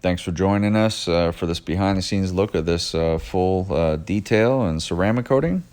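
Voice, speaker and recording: A man narrating a behind-the-scenes video of his detailing shop's work in a self-described monotone, with frequent "uh" fillers. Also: sits low, normal speed. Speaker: detailing shop owner narrating. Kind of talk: voice-over narration of work footage.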